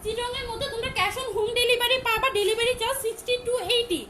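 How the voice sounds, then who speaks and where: Loud, high-voiced woman selling dresses live. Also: steady tone, a little fast, background noise. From Chittagong, Bangladesh. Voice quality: loud, big voice. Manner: repetitive, emphatic, rattles off prices. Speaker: online clothing seller. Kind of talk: live-stream sales pitch.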